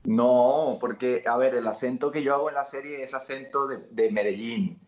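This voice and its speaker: An actor from Barranquilla, speaking with a Colombian Caribbean accent, tells stories as a guest in a casual interview. His mid-range voice moves at a normal pace in a roomy-sounding space. He's an animated storyteller who laughs while acting out the lines.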